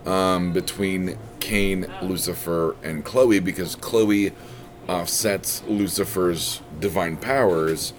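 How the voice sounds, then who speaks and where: Taking it slowly, a low-voiced co-host with fairly even intonation rambles through a casual podcast chat, peppered with crude jokes and fillers. The show is recorded in a restaurant, music audible behind.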